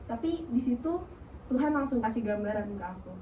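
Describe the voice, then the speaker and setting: A woman's voice: fairly high pitch, animated, a little fast, a little hiss or hum. A nervous young woman, earnestly sharing a personal testimony at a youth service in a large church hall. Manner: earnest, gentle, encouraging. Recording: echoey hall, voice far from mic.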